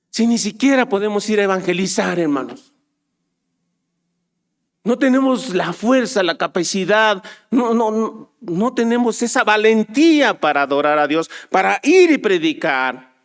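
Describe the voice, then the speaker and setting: Impassioned high-voiced preacher man. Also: expressive, normal speed. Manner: impassioned, swinging from soft low asides to loud urgent exhortation. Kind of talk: sermon.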